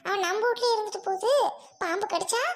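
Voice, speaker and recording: A woman's voice: very high voice, fast. A woman playing a caring village woman who coaxes and consoles an old man, in an amateur family drama. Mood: consoling. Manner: coaxing, consoling, raised worried voice.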